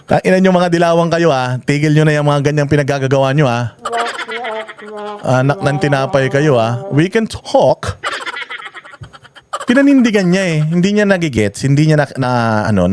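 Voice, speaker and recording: A man in his forties giving a profane, mocking reaction commentary, ranting and scoffing as he talks. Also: on the high side. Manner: mocking, heavy swearing, animated ranting. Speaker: reaction vlogger.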